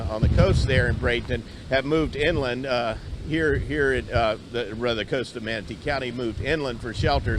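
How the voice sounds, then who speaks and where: A man working as a field reporter, giving a live storm report outdoors in a raised voice over wind and rain. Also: mid-range voice. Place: outdoors at a marina in a hurricane. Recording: outdoor mic with wind and boat-side noise.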